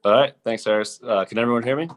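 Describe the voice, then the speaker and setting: A man's voice: mid-range voice, fast talker, a little hiss or hum. A man in his twenties gives a short, earnest self-introduction over a group voice call in an online meeting. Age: 20s. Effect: heard over a group voice call. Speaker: applicant to a town planning commission.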